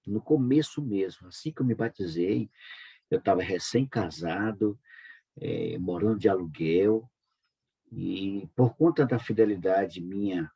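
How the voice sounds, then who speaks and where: A man's voice: low voice, mellow, breathy edge. A man from Brazil giving an earnest, heartfelt church testimony, his voice rising into pleading peaks as he recounts his story. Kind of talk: emotional spoken testimony.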